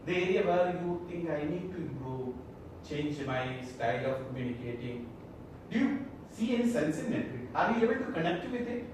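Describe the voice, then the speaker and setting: A man's voice: fairly high pitch, expressive, moderate pace. Malayalam-accented male trainer in an echoey room. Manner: rhetorical questions, checking that listeners follow. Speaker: corporate trainer leading a discussion session. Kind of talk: interactive training talk to an audience. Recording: echoey room, distant mic, loud background noise.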